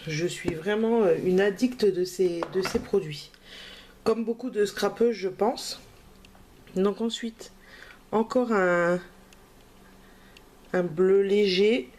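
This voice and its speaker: A woman's voice: mid-range voice, slow, long pauses, darkish tone, a little hiss or hum. A woman crafting vlogger, talking in a casual, hesitant way with many fillers as she shows her purchases. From France. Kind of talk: casual haul video.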